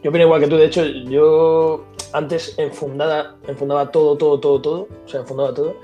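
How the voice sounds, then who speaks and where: A man's voice: fairly high pitch, level tone, brisk, dull audio, faint music behind. A man in his thirties with a Spanish accent from Spain, chatting casually on a video call and rambling, repeating words. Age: 30s. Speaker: guest.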